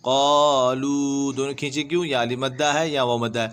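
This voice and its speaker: A man teaching Quran reading, spelling each letter and vowel sign, then drawing out the syllables in a slow, patient lesson. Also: mid-range voice, steady tone. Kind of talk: step-by-step recitation lesson. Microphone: voice-over over screen recording.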